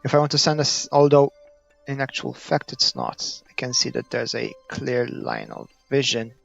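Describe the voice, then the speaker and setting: A man with a Maltese accent talks through his gameplay without a script, trailing off and searching for words. His voice has a creaky, gravelly edge. The recording is dull and muffled, with light music behind him. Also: huge pitch swings, normal speed, fairly bright tone. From Malta. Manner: hesitant, thinking aloud, trailing off. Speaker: gaming video creator. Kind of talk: unscripted gameplay commentary. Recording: muffled, dull low-fidelity audio.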